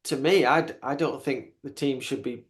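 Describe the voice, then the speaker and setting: A man in his fifties hosting a podcast, chatting casually in a halting way, often repeating words. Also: medium pitch. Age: 50s. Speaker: podcast host. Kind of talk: casual interview chat.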